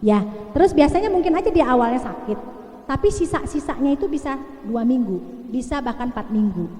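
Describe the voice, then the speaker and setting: A high-pitched, mellow-toned middle-aged woman speaks casually to an audience as a pediatrician, reassuring and chatty. The sound is roomy, with a long hall reverb. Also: expressive, a little fast. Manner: chatty, reassuring, frequent "ya" tags. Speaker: pediatrician giving a parenting talk. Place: large hall.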